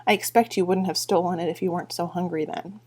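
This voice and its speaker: A woman's voice: fairly low pitch, steady tone, quick pace, darkish tone, close to an everyday voice. Woman reading as a stern no-nonsense young girl, firm questions, storybook reading. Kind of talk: reading a book aloud.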